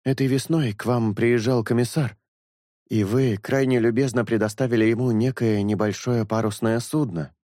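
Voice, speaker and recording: A man's voice: medium pitch, fairly even intonation, normal speed, dark tone, dry recording, studio quality, natural voice. A man voicing a courteous male questioner who speaks in a polite, knowing way.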